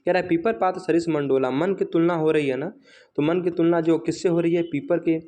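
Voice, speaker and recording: A man with a slightly high voice teaches an exam revision class. He poses rhetorical questions and answers them himself, and keeps checking with "right?". He slows right down whenever he recites an example line. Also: fairly even intonation, warm tone.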